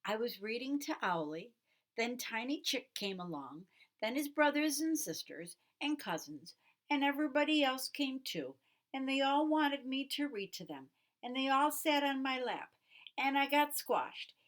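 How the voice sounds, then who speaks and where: A woman voicing a small, earnest young male owl who talks high and gets loud when upset. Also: a little slow. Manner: high, excited, rising to loud protest.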